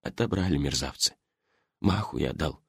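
A man reading an audiobook and voicing a meek elderly man who excuses himself softly. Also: rumbling low, lively intonation, moderate pace, vocal fry, husky, no room sound, clean studio sound, voice pushed down, full character voice. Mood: sheepish. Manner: soft, sheepish, excusing himself. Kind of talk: audiobook character voice.

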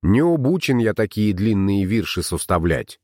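Calm young scholar, read by a man: low, measured, reasonable, dry studio sound. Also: no room sound. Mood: explaining.

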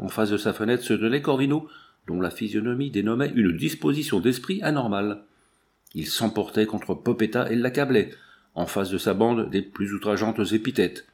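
A man reading a novel aloud as an audiobook narrator, in steady, measured storytelling. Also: on the low side. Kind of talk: scripted narration.

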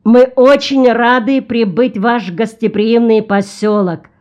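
An imperious ship captain, as a woman reading an audiobook puts him on, formal and measured in every phrase. The voice is slow and mellow, and he holds himself with dignity. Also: mid-range voice, highs cut off, close to an everyday voice.

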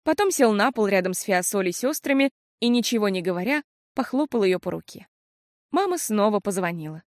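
A woman narrating a children's audiobook in an expressive, measured storytelling manner. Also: mid-range voice, no echo, studio quality.

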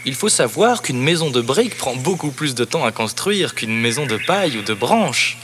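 A man narrating a children's storybook cassette in a lively, expressive read-aloud voice. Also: medium pitch, moderate pace, background noise. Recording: cassette narration over background music.

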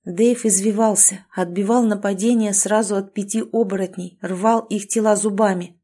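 A woman reading a dark fantasy story aloud in the first person, with an expressive, intense delivery. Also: mid-range voice, moderate pace. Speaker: audiobook narrator.

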